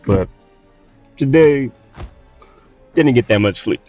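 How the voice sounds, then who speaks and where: A man's voice: medium pitch, expressive, slow, darkish tone, soft background music. A man from Texas with a Southern accent, tired from little sleep, rambling casually with lots of fillers and restarts while playing a game. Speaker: gaming streamer.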